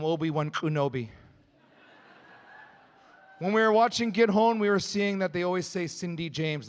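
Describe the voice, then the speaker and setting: A man with a slightly high voice stands at a stage microphone, introducing each dance in an earnest, explanatory way and pausing between phrases. His words ring out with the long reverb of a large festival venue. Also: clean tone. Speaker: dance group leader. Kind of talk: emcee announcing dances on stage.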